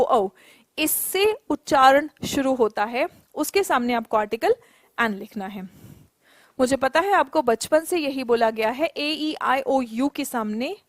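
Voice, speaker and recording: A woman's voice: sits high, a bit bright, dry recording. A young Indian woman teaching an online English class, mixing Hindi and English, coaxing her students and drawing out her English example sentences.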